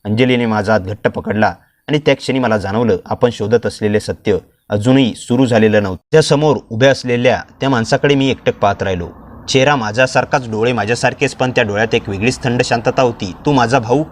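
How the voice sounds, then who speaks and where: A man narrating a dramatic first-person story in a steady, scripted storytelling voice. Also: mid-range voice, brisk.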